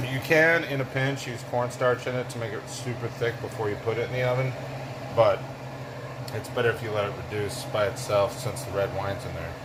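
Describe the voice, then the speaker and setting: A man talking casually through his home cooking in a giggly, loose, tipsy ramble. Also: medium pitch. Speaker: home cook recording a cooking video. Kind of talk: casual cooking vlog talk. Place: home kitchen, indoors. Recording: clear background hum of air conditioning.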